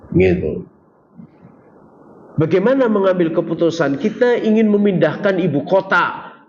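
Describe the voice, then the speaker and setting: A man gives a religious lecture in a relaxed, conversational way, asking his listeners questions and throwing in jokes. His voice sits at a middle pitch. The recording is dull and lo-fi, with faint ambient noise behind him. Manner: conversational, jokes with the audience, asks them questions. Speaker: Islamic preacher.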